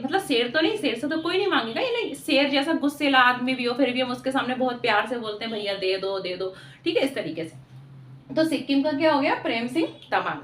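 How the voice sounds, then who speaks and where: Woman teacher for exam prep, high voice, echoey room, drills answers by repeating them. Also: fairly bright tone, far from the mic. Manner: repeats questions and answers, frequent "theek hai".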